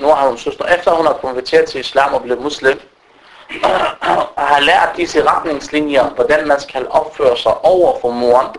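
A man's voice: mid-range voice, low-quality recording. A man preaching an unscripted religious lecture to a gathering, talking directly to his listeners with frequent fillers and restarts. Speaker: Islamic preacher.

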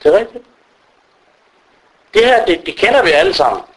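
A man's voice: sits high, a little hiss or hum, poor audio. A male preacher giving a sermon, telling stories and acting out the people in them. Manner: animated storytelling that acts out quoted people.

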